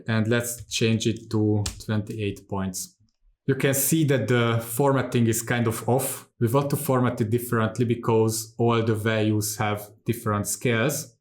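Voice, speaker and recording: A man in his thirties from Hungary, calmly explaining software steps one by one in a screen-recorded tutorial, recorded seated in a home studio. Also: medium pitch. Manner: calm, methodical step-by-step explaining. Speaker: tutorial host.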